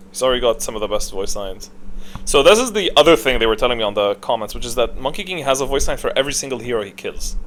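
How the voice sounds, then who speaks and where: A video creator gives off-the-cuff gaming commentary, casual, blunt and opinionated, with slangy wording. His voice is fairly low and a bit bright, with noticeable background noise in the recording.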